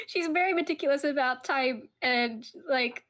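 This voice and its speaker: A woman playing a tabletop game, soft-spoken and agreeable, often murmuring assent. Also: high voice. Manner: soft, agreeable, many mm-hmms. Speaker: player. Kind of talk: casual tabletop chat.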